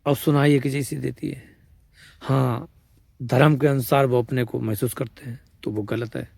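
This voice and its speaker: Gravelly-voiced man giving a spiritual talk. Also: medium pitch, a little mellow, no room sound. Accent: Braj-region Hindi. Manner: explains patiently, repeats points and asks "samajh rahe hain?". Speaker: spiritual teacher. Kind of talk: informal spiritual discourse.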